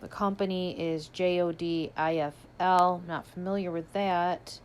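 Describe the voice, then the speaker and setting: A woman's voice: on the low side, fairly even intonation, measured pace, smooth. A woman chatting casually as she unboxes a subscription box, describing each item as she pulls it out. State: hiccuping. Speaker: unboxing vlogger.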